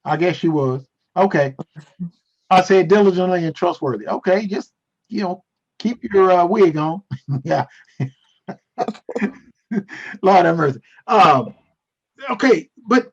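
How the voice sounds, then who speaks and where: Male Bible teacher, high husky voice, playful and teasing, online class over dull call audio. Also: expressive, a little slow, long pauses. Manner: playful, teasing, responds to chat. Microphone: video call.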